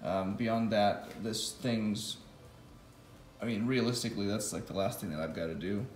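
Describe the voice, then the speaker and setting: At a moderate pace and in a lowish voice, a man casually goes over his motorcycle wiring while building an electric bike in his home garage, musing aloud with fillers and restarts. His vlog was shot close on a phone camera, and the sound is reverberant.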